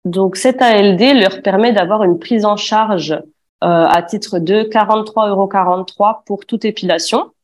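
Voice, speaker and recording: This is an Afghan woman in her twenties speaking at normal speed with a medium-pitched voice. Hesitant throughout, she tells her personal testimony with frequent fillers and restarts.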